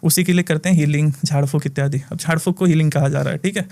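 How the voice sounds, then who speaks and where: Brief: male spiritual healer, high-pitched, lively storyteller, laughs a lot. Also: racing, creaky. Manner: animated storytelling, laughs often. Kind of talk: casual podcast chat.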